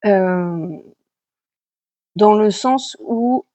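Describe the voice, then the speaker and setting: Woman tarot reader, relaxed chatty delivery full of fillers, mid-pitched, dull lo-fi recording. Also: drawn-out words, no echo. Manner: chatty and relaxed, with many fillers and self-corrections. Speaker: tarot card reader giving weekly guidance. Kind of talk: casual spoken vlog.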